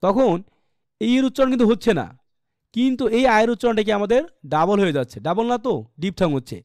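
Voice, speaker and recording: A man's voice: high-pitched, fast, a little mellow, no room sound, clean studio sound. A man with a Bangladeshi Bengali accent teaching English pronunciation in a live online class, quizzing students and sounding words out letter by letter.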